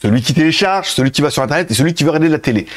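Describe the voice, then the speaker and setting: Fast-talking animated man reviewer. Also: on the high side. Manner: chatty, addresses viewers directly. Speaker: tech reviewer. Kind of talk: casual tech review.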